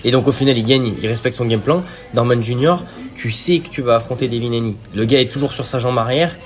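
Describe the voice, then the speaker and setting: A man with a French accent in a casual podcast chat, breaking down the fight in quick, assertive analysis. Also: medium pitch. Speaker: podcast co-host.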